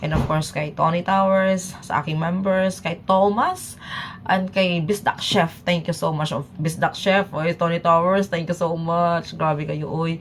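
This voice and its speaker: A woman's voice: on the low side, steady tone, measured pace, a little hiss or hum. A woman from the Philippines chatting casually as a YouTube reaction vlogger, switching between Tagalog and English and laughing often.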